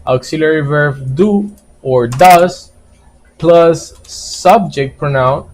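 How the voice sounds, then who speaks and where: A man's voice: a little high, slow, darkish tone, low-quality recording. A man teaching a grammar lesson live online, explaining step by step, repeating key points and often checking with "right?". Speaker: English teacher.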